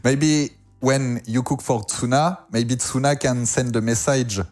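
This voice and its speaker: A man, a French-speaking host, interviewing a guest in English in a relaxed, lightly teasing way. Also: medium pitch, measured pace, soft background music. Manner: lightly teasing, laughs often. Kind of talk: casual interview.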